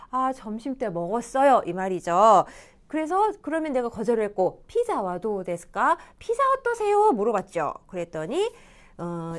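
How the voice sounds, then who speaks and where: A woman teaching a Japanese lesson, explaining grammar patiently and reading example dialogues slowly and clearly. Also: on the high side. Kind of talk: video lecture explaining grammar.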